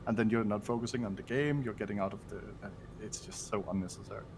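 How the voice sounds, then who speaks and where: A man with a somewhat low voice chats on a podcast in a wry way, sometimes laughing at his own words. Faint hiss runs behind him. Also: fast talker. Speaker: podcast guest. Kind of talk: casual podcast chat.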